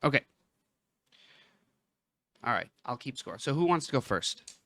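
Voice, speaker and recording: Man, podcast co-host, casual chat, playful and jokey, gets loud at times. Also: mid-range voice, big pitch swings, measured pace, a little hiss or hum. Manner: joking, playful, loud bursts.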